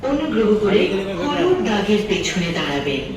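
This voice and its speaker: A woman announcer heard over a public address loudspeaker, reading formal announcements in a measured, evenly spaced way. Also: mid-range voice, sing-song. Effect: public address loudspeaker in a metro station. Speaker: recorded station announcer. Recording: echoey distant loudspeaker, loud station noise.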